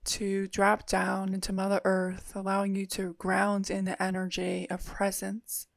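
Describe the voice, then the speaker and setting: A woman leading a guided meditation in a soothing, unhurried manner with long pauses. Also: medium pitch, monotone, vocal fry, dry recording, studio quality.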